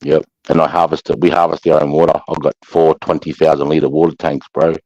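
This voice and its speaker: A man's voice: very deep voice, flat delivery, fairly quick, darkish tone, dry recording. A man with an Australasian accent chatting casually in a blokey, slangy way, swearing freely. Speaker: host of a live chat. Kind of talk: casual chat. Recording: dull lo-fi sound.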